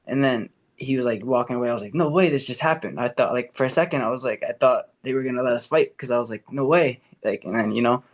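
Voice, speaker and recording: Speaking quickly with few pauses, this medium-pitched young man is an amateur MMA fighter guesting on a laid-back podcast. He's American with Ecuadorian and Puerto Rican roots, and his eager talk is full of fillers and restarts.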